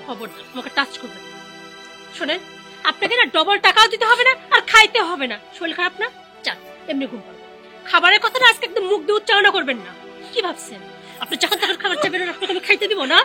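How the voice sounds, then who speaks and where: A woman playing a sneering, fast-talking cruel daughter-in-law. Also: very high voice, sing-song, bright, forceful tone, heavily acted. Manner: sneering, scolding, then stammering pleas. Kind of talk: melodramatic short drama acting. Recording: music underneath.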